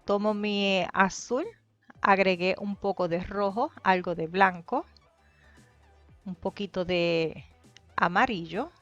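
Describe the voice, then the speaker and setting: A woman with a fairly low voice narrates a painting tutorial calmly, explaining each step and pausing often to hesitate. The voice-over is dry and slightly dull and lo-fi, with faint music underneath. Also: no room sound. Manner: calm, explanatory, with frequent hesitations. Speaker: painting teacher.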